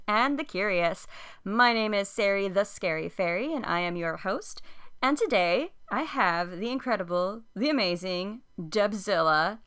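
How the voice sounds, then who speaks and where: A woman's voice: mid-range voice, pushed and bright, clear, resonant tone. A woman hosting a podcast and interviewing casually, with a gushing, enthusiastic way of talking. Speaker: podcast host.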